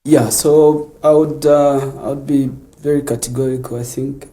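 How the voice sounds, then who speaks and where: A man with a Zambian English accent, speaking for a conservation group on a TV panel, slow and hesitant with repeated starts. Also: mid-range voice, steady tone, warm tone, low-quality recording. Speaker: conservation organization representative. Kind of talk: studio TV panel discussion.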